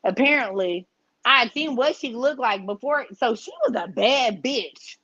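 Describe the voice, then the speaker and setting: On a podcast, a guest with a high-pitched female voice tells a loose, foul-mouthed story at a moderate pace, bringing energy and acting out each person she quotes. The audio has a slightly dull, lo-fi quality.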